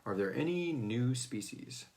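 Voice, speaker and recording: A man with a mid-range, darkish voice speaks expressively and a little slowly as he hosts a casual question-and-answer chat. As the series creator, he keeps it informal, swears here and there and dramatizes quotes.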